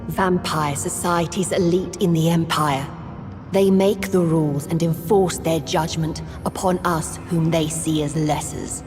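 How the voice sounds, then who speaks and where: An old female leader of vampire outcasts, proud and guarded. Her low voice is stern and measured in dramatic video game style. It carries a long hall reverb, with music behind. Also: fairly even intonation. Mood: grave.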